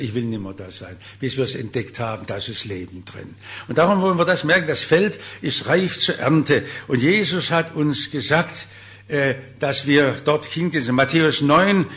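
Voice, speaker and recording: An older man preaching a sermon, earnest and exhorting, with his voice swinging from quiet asides to emphatic, high-pitched peaks and slowing when he reads scripture. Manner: earnest, exhorting, voice rising and falling sharply; slows down when reading scripture.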